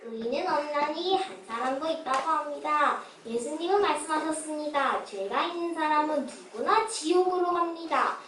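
A meek, devout starving beggar man, played by a woman in a puppet play for children. The delivery is high, pleading and declamatory, picked up from a little distance in an echoey room. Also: normal speed, few pauses, fairly bright tone. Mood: earnest. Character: humble, sickly, pious starving beggar man. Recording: roomy, distant miking with background hiss.

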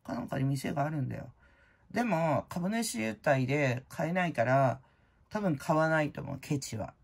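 A middle-aged woman hosting her own channel, chatting casually in a blunt, slangy way full of fillers, and loud-voiced by her own account. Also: low voice, expressive, moderate pace, creaky, slightly rough. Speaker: prize-winning vlogger host. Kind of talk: casual chat.

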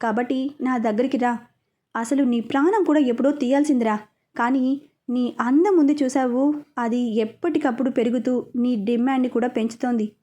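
A woman voices a sneering middle-aged male political broker in a spoken audio story. He taunts sarcastically and sounds quietly menacing, in a high, mellow voice. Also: fairly even intonation, normal speed, close to an everyday voice. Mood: leering.

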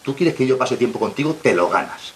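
A man's voice: mid-range voice, animated, fairly quick. A man speaks to a young audience, leading them through a survival story with one rhetorical question after another. His voice carries through a roomy hall, with a faint hiss of noise behind it. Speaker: guest speaker. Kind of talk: motivational talk to young audience.

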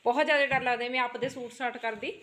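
A woman's voice: fairly high pitch, fairly even intonation, quick pace, bright, forceful tone. A middle-aged woman with an Indian Punjabi accent chatting casually as a family vlog host, often checking in with little tag words. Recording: echoey room, faint background noise.

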